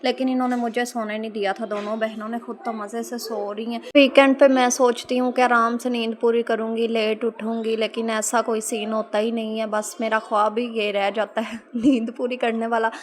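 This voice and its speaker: Chatty Pakistani woman, flat-toned voice-over. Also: fairly high pitch, moderate pace. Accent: Pakistani Urdu. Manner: chatty, storytelling, frequent filler particles. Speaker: housewife vlogger. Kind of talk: casual voice-over narration. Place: indoor room, no fan running. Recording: noisy home voice-over. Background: children playing and shouting.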